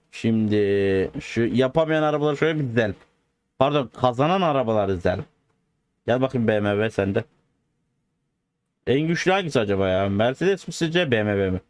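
A man giving casual, excitable gameplay commentary as a video host, joking and bantering in slangy street talk. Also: medium pitch.

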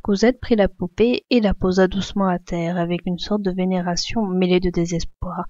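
A woman reading a classic novel aloud, expressively, raising her voice for the characters' shouts. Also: lowish voice, fairly even intonation, moderate pace, no room sound, dull audio. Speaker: reader.

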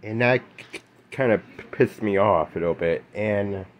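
A young man vlogging, halting and stammering through lots of fillers, shaken and upset as he rants, with angry outbursts. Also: on the low side, muffled recording. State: shaking and upset. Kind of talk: casual rant to camera.

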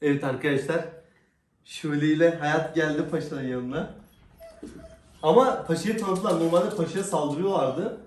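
Recorded from a distance, a man with a slightly high voice speaks at normal speed, vlogging at home with his dogs. He coaxes them with affectionate commands while chatting casually to viewers. The audio is echoey, off-mic, and noisy in the background.

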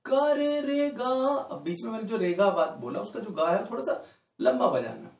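A man with a Hindi accent teaching harmonica, patiently explaining step by step and chanting the note names slowly to show how long each note lasts. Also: sits high, big pitch swings, gravelly, far from the mic. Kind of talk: spoken music lesson. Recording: echoey room, a little off-mic.

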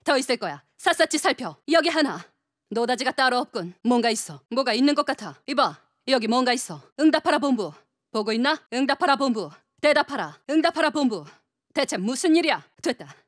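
A woman voicing a tough, brash female soldier in a video game, shouting short combat commands and taunts into a close studio mic. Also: very high-pitched, sing-song, moderate pace, no room sound, heavily acted. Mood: focused. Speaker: voice actor. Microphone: close studio mic, dry booth.

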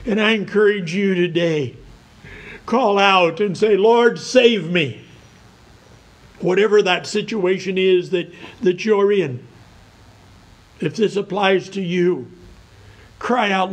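A man preaching a sermon, reading scripture in a slow, earnest way. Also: high-pitched, rough recording. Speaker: pastor.

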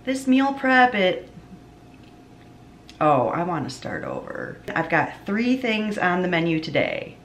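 Picked up by a camera mic at arm's length and on the counter, with a little hiss or hum, a cooking vlogger in her thirties preps a meal in her home kitchen. Her lowish, sing-song voice moves slowly as she chats, often cuts herself off to restart, and laughs at her own mistakes.

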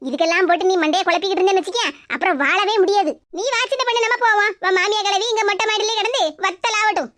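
A woman voicing a bold, sharp-tongued neighbor woman in a cartoon, chatty and outspoken, with a Tirunelveli Tamil accent. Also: extremely high pitch, racing, hardly any pauses, no room sound. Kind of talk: cartoon voice acting.

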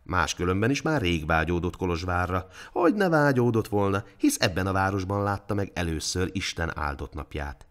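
Man, scripted storybook narration, old-fashioned folk-tale telling, low voice, lively rises and falls. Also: hardly any pauses.

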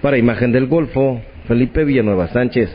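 A man's voice: medium pitch, a little fast. A man with a Mexican accent reading a scripted news report as a voice-over. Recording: dull lo-fi audio, faint noise.

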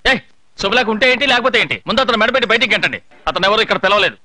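A man's voice: high-pitched, animated, very fast, pushed and bright, dry recording, full character voice. An actor playing an arrogant older male politician in a dubbed film drama, dismissive and barking orders. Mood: scornful. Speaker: home minister, father of the groom.

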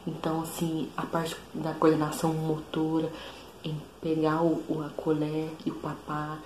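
A woman's voice: completely flat delivery, normal speed, darkish tone. A young woman with a Brazilian Portuguese accent, chatting casually to camera as a mother vlogger, often asking "sabe?". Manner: chatty, says "sabe?" often, quotes her toddler in a higher voice. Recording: echoey room with faint background noise.

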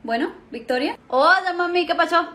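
A young woman, acting out comedic sketches in a lively, exasperated way. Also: very high-pitched, normal speed. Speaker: comedic storyteller.

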